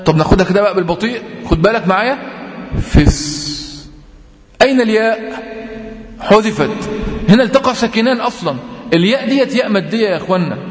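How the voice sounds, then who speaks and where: An Egyptian man teaches a tajweed lesson in a high, clear voice. He explains patiently, repeats his points and stretches out example words slowly. The sound rings in a roomy space with a long, trailing reverb. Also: animated. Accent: Egyptian Arabic. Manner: patient, repetitive explaining, drawn-out example readings. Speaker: Quran recitation teacher. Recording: echoey room with long reverb.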